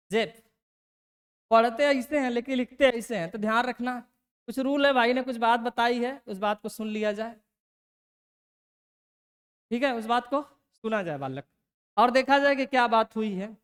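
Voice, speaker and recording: Folksy male chemistry teacher, smooth voice. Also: extremely high pitch, fairly bright tone. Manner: folksy, drawn-out coaching, calls students "बालक"; slows to dictate terms word by word. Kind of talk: Hindi classroom lecture.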